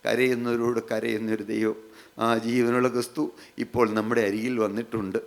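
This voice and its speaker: A man preaching a sermon, repeating phrases emphatically, slowing down on key lines and putting questions straight to his listeners. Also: mid-range voice, little pitch movement, vocal fry. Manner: repetitive, emphatic phrasing with slowed, drawn-out lines; addresses listeners directly with questions.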